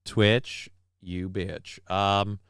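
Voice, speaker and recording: Speaking extremely slowly in a deep, flat, slightly bright and resonant voice, a man streams casually from home through a desk microphone. The studio-quality recording has no room sound, and he reads viewer comments and jokes crudely in a parody of a grand war speech.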